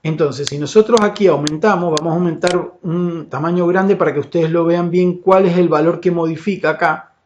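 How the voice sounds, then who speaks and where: Brief: male tutor, fairly high voice, unhurried step-by-step explanation, dull lo-fi recording. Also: fairly even intonation. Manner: patient, explanatory, frequent "¿sí?" and "fíjense" check-ins; filler "eh" and "este" between phrases. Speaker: teacher. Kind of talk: screen-recorded software tutorial. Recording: dull lo-fi audio with faint hiss.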